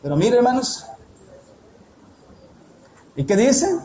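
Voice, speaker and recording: High-voiced preacher in echoey church. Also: male voice, very animated, mellow, slight background noise. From El Salvador. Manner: addresses the congregation directly, with repeated rhetorical questions; slow, emphatic delivery of scripture. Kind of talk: sermon.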